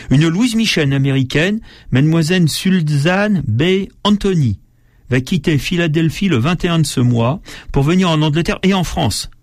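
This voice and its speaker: A man's voice: mid-range voice, no room sound, studio quality. Hesitant French man reading old newspapers. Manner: hesitant, many fillers and restarts between read passages. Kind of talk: reading aloud with spoken commentary.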